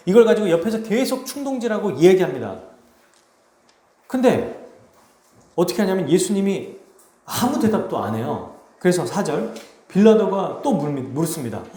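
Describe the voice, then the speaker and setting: A fairly high-voiced male pastor preaches an expository sermon, his pitch swinging widely as he acts out what people say. The sound is roomy, with the echo of a church sanctuary around him. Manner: animated preaching, acts out quoted speech.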